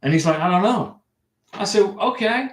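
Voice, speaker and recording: Here an American livestream host gives visa advice from a room at home, casually rambling as he responds to comments from viewers. His delivery is high-pitched and animated at a moderate pace, with a reverberant sound.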